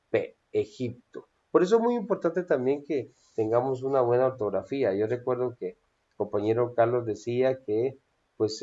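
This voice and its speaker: Man lecturing on speaking, dark voice. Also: medium pitch. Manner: measured, instructive, addresses listeners directly. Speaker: instructor. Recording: dull lo-fi phone recording.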